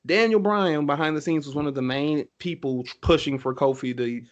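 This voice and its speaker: A man's voice: fairly high pitch, normal speed, lo-fi sound. A man co-hosting a casual podcast, talking enthusiastically with many fillers and restarts. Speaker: podcast co-host. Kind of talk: casual chat.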